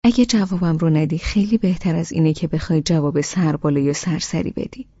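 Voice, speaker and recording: A woman voicing a calm, serious young man who talks in a measured, earnest, gently scolding way. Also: low voice, husky, no echo. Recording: dull, dry studio audiobook.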